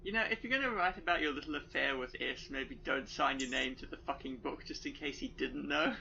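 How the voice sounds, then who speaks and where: A man with a gravelly, creaky voice, chatting casually through a game and swearing freely. His tone is dry and easygoing. The recording is muffled, with a clear steady hiss behind him. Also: fairly high pitch, a little fast. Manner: laid-back, profane, dry. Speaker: let's play co-host. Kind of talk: casual gaming chat.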